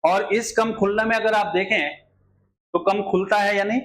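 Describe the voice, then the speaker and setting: Male grammar teacher, high-pitched, exam-prep lesson, repetitive rhetorical style. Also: fairly even intonation, normal speed, fairly bright tone, a little hiss or hum, rough recording. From India. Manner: repetitive filler phrases, rhetorical questions to students.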